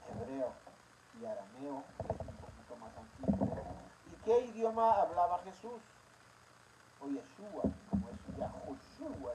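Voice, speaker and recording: A Bible teacher giving a religious teaching in an emphatic way, repeating key words and asking the listeners rhetorical questions. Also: medium pitch. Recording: steady background noise.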